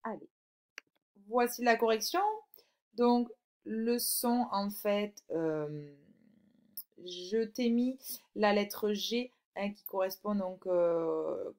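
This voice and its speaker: A woman teacher giving a recorded phonics lesson to a young child, slowly stretching out example words and checking in with "d'accord?". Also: mid-range voice, darkish tone. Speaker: primary school teacher.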